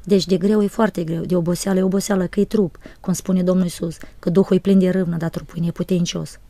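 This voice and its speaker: A woman speaks earnestly and softly. Her voice sits low and sounds mellow and dark, recorded dry and close. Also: flat delivery, dry recording. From Republic of Moldova. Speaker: guest, evangelist's wife. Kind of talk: interview testimony.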